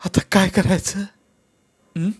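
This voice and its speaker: Man doing an anxious old village chief, kinda higher voice, firing off questions. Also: flat delivery, takes it slowly, husky, heavily acted. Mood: worried. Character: older male village headman, worried and shocked.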